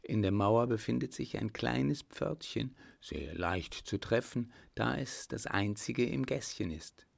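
A man voicing a cautious plotting baron in a spoken storybook, speaking low and conspiratorially. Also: measured pace, gravelly, hardly any pauses.

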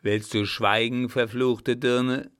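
A man voicing a drunken, jealous male clown who shouts coarse threats in an audiobook. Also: medium pitch, level tone, slow, clean tone. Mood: drunk, furious. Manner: loud, growling threats. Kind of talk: audiobook character voice.

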